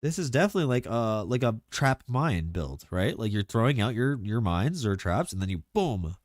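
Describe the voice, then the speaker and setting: A man streaming live, chatting casually and excitably about game mechanics, rambling with lots of filler words. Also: lowish voice, moderate pace, no room sound, studio quality.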